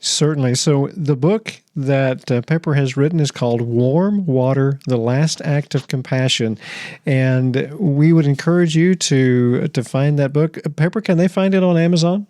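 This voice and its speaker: A man's voice: medium pitch, a little slow, dark tone, no echo. Man hosting, close dry sound. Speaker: podcast host. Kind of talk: conversational hosting.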